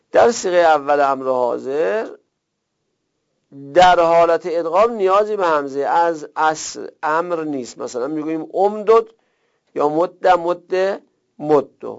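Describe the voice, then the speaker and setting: A man's voice: a little high, gravelly, muffled recording. A man teaching an Arabic grammar lesson, explaining step by step and asking and answering his own questions. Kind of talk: recorded classroom lesson.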